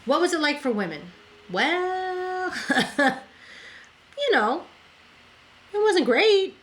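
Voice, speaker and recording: Her pitch is very high and sing-song, her delivery extremely slow, her tone a bit bright. This woman hosts a podcast where she relates history casually from notes, sprinkling in "right?" tags. She tends to stumble, restart words, and fix her own mistakes.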